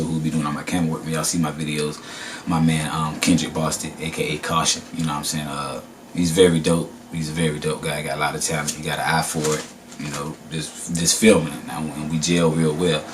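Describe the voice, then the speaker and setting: A laid-back man with a Southern US accent talks casually in an interview, his voice very low. He sounds a little distant from the mic, with faint noise behind him. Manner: laid-back, repeats filler phrases. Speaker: rapper.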